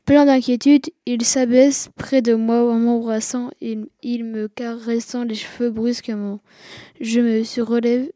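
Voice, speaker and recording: A woman narrating a first-person storybook in a steady reading voice. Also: a little high, no room sound, studio quality.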